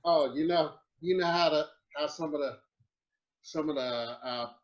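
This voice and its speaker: A man joins a live chat as co-host from a remote line that sounds dull and lo-fi. He jokes and laughs easily, in a slightly higher voice. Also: measured pace. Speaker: co-host, business partner. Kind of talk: casual chat.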